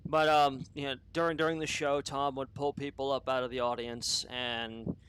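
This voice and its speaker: Over poor audio, a medium-pitched male voice comes through a bit bright, clear and resonant, with little pitch movement and normal speed. He hosts an unscripted opinion podcast, delivering a profane, rambling monologue that keeps interrupting itself with restarts and tangents.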